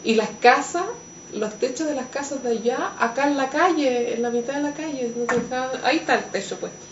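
A woman's voice: high-pitched, brisk. Chilean woman telling a vivid story. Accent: Chilean Spanish. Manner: emotional, vivid storytelling that acts out the voices of others. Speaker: interviewee. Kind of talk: personal testimony. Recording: roomy, distant mic, muffled, with steady background noise.

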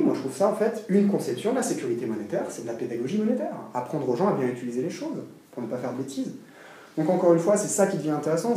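A man lecturing to a seminar with a swinging, animated delivery and a mellow, soft-edged tone. He restarts his sentences and throws in emphatic asides as he goes. He is recorded from far off in a very echoey room. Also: fairly high pitch.

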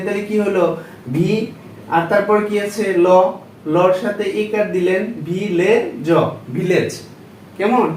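A man's voice: high-pitched, a little hiss or hum. A man teaching a shorthand class, patiently walking through each step and asking his listeners questions as he writes. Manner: patient, repeats steps with quiz-like questions. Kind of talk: classroom lesson. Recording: echoey room, voice far from mic.

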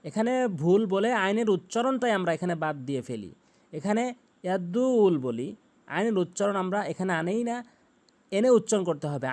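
A man teaching Quran pronunciation, chanting each word slowly and drawn out, then explaining the sounds in plain speech. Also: high-pitched, a little mellow. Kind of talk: tutorial on Arabic pronunciation.

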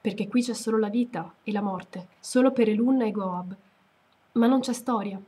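A woman voicing a wise, solemn male lion in a read-aloud story, speaking in a grave, measured way. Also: mid-range voice, dark tone, slightly rough, natural voice.

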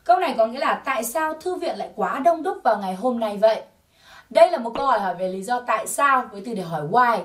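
A woman teaching an English test-prep lesson, slowly drilling English words for learners to repeat. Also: fairly high pitch, recorded from a distance. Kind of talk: scripted language lesson.

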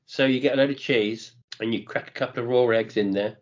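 A man's voice: mid-range voice, fairly even intonation, a little fast. A middle-aged man, chatting casually as a podcast co-host and enthusing about food. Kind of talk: casual chat. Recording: dull lo-fi podcast audio.

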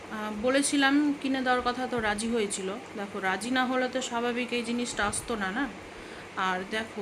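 Woman from Bengal, thirties, casual rambling home-vlog talk, a bit high, noisy phone recording at home. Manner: chatty, rambling, soothes a fussing toddler. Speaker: vlogger. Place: home room with fans running.

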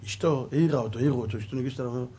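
A middle-aged man, giving a Torah lesson as a rabbi and telling stories dramatically, swinging from loud exclamations to quiet asides. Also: mid-range voice, a little hiss or hum. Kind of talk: animated Torah lesson with storytelling.

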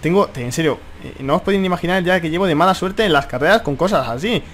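Excitable high-voiced Spanish gamer. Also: male voice, fast talker, slight background noise. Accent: Spain. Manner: excitable, exclaims and repeats himself often. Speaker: gaming YouTuber. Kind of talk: live gameplay commentary. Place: at home.

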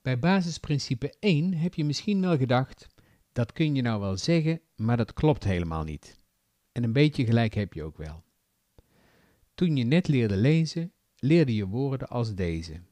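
A man from the south of the Netherlands with a southern Dutch accent, giving a clear, deliberate scripted lesson. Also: medium pitch, dry recording. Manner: clear, deliberate explanatory delivery with lively intonation. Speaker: language teacher. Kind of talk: scripted educational narration.

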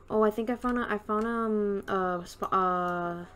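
A woman's voice: medium pitch, unhurried. A young woman hosting a casual gaming chat, exclaiming and gasping as she plays. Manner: lively, exclaiming and gasping while playing. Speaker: channel host.

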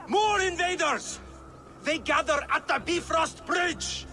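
An actor playing a fierce, belligerent Norse thunder god in a video game, gravelly and bellowing battle cries. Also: male voice, very high-pitched, takes it slowly, bright, forceful tone, soft background music, heavily acted. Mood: urgent, rousing. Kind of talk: video game dramatic acting.

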